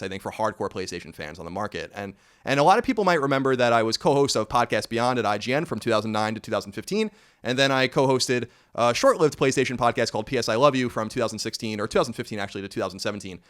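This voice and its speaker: A man's voice: medium pitch, lively intonation, fast talker, a bit bright. A man in his thirties hosting a casual podcast, rambling and correcting himself with wry asides. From United States. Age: 30s. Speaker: podcast host.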